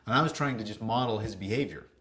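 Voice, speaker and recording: A man telling stories as a guest on a business podcast, lively, acting out what people said, with some casual swearing. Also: lowish voice, fast. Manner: animated, acts out quoted dialogue, casual swearing. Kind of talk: casual interview storytelling.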